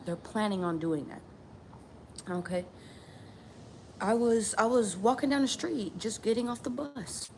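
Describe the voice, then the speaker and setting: A tarot channel vlogger from New Mexico speaks out casually, emphatic and repetitive, with the occasional swear word. Her voice is on the high side and unhurried, with vocal fry and long pauses, over steady background ambience noise.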